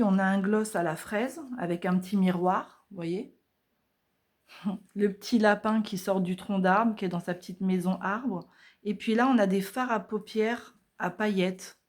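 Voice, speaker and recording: A woman's voice: medium pitch, a little mellow. A woman vlogger talking casually through her art journal pages at home, chatty and hesitant, with many fillers.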